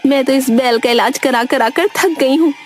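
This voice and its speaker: A woman's voice: sits high, normal speed, close to an everyday voice. A woman playing a fed-up village wife in a cartoon, scolding and exasperated with her husband. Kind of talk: cartoon voice acting. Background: background music.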